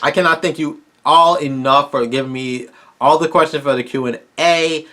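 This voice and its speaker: This YouTuber is finishing a casual Q&A, rambling keenly to viewers and restarting his thoughts, his voice tired and strained. It sits on the high side with a steady tone, normal speed and fairly bright quality, plus slight background noise.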